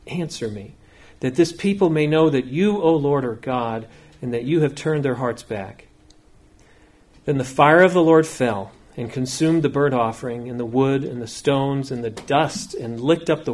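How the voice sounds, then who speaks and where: A man preaching in a church, reading scripture aloud with slow, emphatic phrasing and then speaking to the congregation. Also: fairly high pitch, darkish tone. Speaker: pastor.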